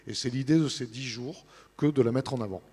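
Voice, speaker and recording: A man presents an events programme as an interview guest, informally and haltingly, searching for words. His medium-pitched voice carries the long reverb of a large hall. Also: warm tone, breathy edge. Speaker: interview guest representing a newspaper. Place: large studio set in a big hall.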